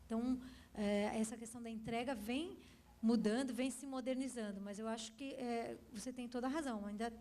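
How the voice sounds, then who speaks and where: A woman's voice: fairly high pitch, steady tone, brisk, warm tone. A woman with a Brazilian accent speaking at a conference, answering audience questions in an explanatory way with examples.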